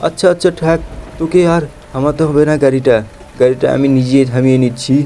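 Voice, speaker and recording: Young bengali-accented guy hosting gameplay, chatty and excited, mellow tone, faint hum. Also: mid-range voice, quick pace. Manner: excited, chatty, addresses viewers. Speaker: gaming channel host. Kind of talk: playful gameplay commentary.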